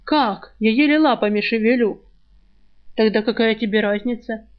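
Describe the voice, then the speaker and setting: A mocking, spiteful talking rat from a storybook, forever needling the girl who carries him, put on by a woman reading the book aloud. The voice sits fairly high. The recording sounds dull and lo-fi. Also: natural voice. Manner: mocking, spiteful, quick with insults. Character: sly sharp-tongued male talking rat, sick and bound.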